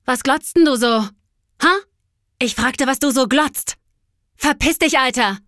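A woman's voice: high-pitched, measured pace, fairly bright tone, no echo, studio quality, pitched below the performer's own voice. A woman voicing a rude, aggressive young street tough who snarls dismissive slang. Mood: hostile.

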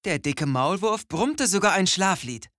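A storyteller reading a children's story aloud in a slow, expressive way. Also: medium pitch, no room sound, clean studio sound.

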